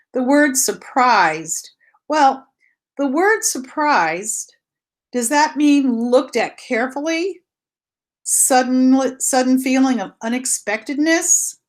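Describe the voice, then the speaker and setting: Speaking slowly in a high voice with lively intonation, a female teacher reads aloud to young children. Her explanations are simple and repetitive, and she asks questions only to answer them herself.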